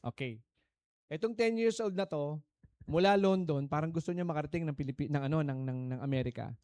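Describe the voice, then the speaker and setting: A man with a Filipino accent preaching a sermon, telling stories and calling out questions to the congregation, moving between soft asides and emphatic lines. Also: fairly high pitch, fairly quick, dry recording. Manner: preaching in Tagalog mixed with English, swinging between soft and emphatic; calls out to the congregation for answers, storytelling. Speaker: pastor.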